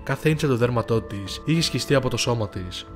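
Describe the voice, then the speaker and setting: A man narrates a first-person horror story at a measured, somber pace. His voice sits at an ordinary middle pitch. Faint music runs quietly underneath. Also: animated. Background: faint background music.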